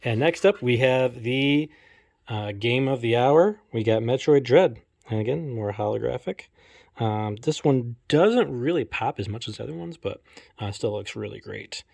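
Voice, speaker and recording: A man's voice: medium pitch, expressive, normal speed, vocal fry, a little mellow. Chatty man unboxing with a phone in hand. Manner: chatty, filler-heavy, self-deprecating. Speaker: collector vlogger. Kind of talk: casual unboxing commentary. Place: home game room. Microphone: phone camera held in one hand.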